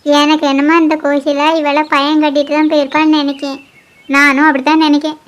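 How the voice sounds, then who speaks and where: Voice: high voice, monotone, fairly quick, a bit bright. Someone voicing bold teasing village girlfriends. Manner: teasing, questioning.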